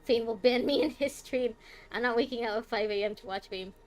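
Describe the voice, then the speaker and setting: A young woman streaming a game, chatting to viewers with lots of laughter and excited reactions. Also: fairly high pitch, a little fast. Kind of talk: live gameplay commentary.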